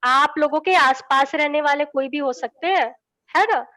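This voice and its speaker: A woman's voice: sits high, normal speed, sharp tone. A young woman giving a lesson to children, in a coaxing, patient way, checking after nearly every sentence that they follow. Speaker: children's teacher.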